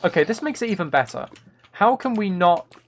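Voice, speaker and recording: On a gameplay livestream, a man with a high-pitched, very animated voice talks briskly and casually, thinking aloud as he rambles enthusiastically through ideas. The recording is clear, with background noise and keyboard clicking.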